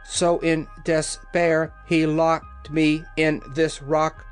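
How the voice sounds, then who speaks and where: A reader voicing a hoarse, creaky clockwork copper man who talks in one flat tone, with slow, even, mechanical delivery. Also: medium pitch, faint music behind. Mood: monotone.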